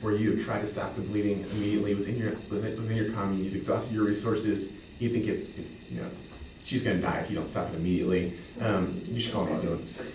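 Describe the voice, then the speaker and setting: A man improvising a sales pitch as a representative, speaking in an earnest, accommodating and halting way. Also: fairly even intonation. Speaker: clinic representative in an improvised role-play. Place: echoey room, mic at a distance. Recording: roomy, distant mic, faint noise.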